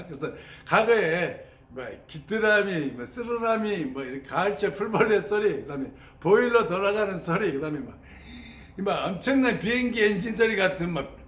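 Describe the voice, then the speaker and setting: A man telling his spiritual experiences in an animated, storytelling way and mimicking sounds as he teaches. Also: high-pitched. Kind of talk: spoken teaching on meditation experiences. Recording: roomy sound with faint ambient noise.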